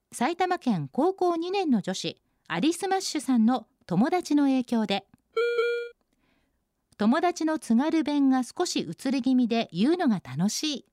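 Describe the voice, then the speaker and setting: A woman hosting a radio segment, reading out listener posts and adding bright, chatty comments on each one. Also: sits high, no echo, clean studio sound. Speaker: radio host.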